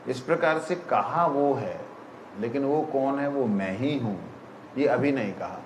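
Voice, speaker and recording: Slow, deliberate man teaching scripture. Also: medium pitch, reverberant, a little hiss or hum, rough recording. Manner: slow, deliberate, often checks if listeners understood. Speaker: spiritual teacher. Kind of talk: scripture discourse.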